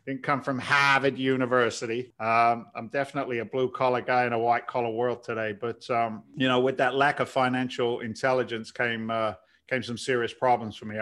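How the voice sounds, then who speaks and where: Middle-aged London-born man, podcast guest, mid pitch, talks loosely and folksy. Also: a bit bright. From London, England. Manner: chatty and folksy, calls the host "man" and "my friend". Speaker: podcast guest, real estate investor. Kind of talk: casual interview talk.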